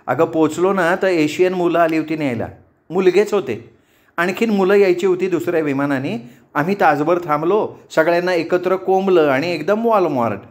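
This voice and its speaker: A man voicing an excitable, loud young woman student living abroad, talking quickly and impatiently. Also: a little high, pitched above the performer's own voice, close to an everyday voice. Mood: excited, impatient.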